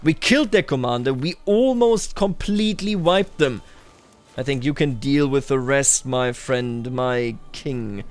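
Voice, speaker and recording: Playing a strategy game, a man hosting a gaming video narrates in a casual roleplay style, musing aloud and addressing the in-game characters directly. He speaks at a medium pitch, unhurried.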